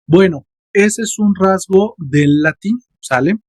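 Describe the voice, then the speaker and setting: A man's voice: sits high, slow, a little mellow, dry recording. A man teaching a French lesson online, addressing his students playfully.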